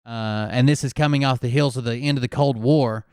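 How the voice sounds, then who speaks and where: A man hosting a casual commentary chat, explaining calmly and skeptically, with an occasional swear word. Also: medium pitch, fairly quick, clean tone, dry recording, clean studio sound.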